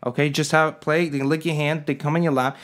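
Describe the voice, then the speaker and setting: A man speaks casually to the camera in a somewhat high voice. He rambles, sounds indignant and keeps asking his viewers to weigh in. He drops in jokey asides and little chuckles as he goes. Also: level tone, fast, a bit bright. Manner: indignant, rhetorical, asks the viewers for their opinion. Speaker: vlogger.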